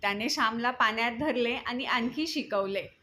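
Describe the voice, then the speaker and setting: A woman reading a moral story aloud in a measured, steady storytelling voice. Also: a little high, a little hiss or hum.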